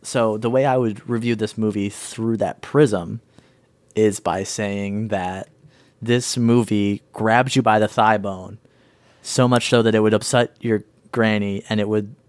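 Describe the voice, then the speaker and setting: A man's voice: on the low side, fairly even intonation, a little slow, no room sound. Man, podcast co-host, laid-back and rambling, dry close sound. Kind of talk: casual movie review chat.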